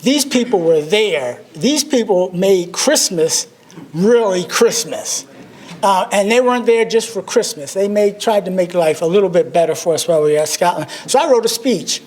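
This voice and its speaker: A man's voice: sits high, animated, normal speed, a little mellow. A man, giving a memorial tribute speech. He tells humorous, self-deprecating stories. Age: 60s. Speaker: alumnus speaker at a memorial service.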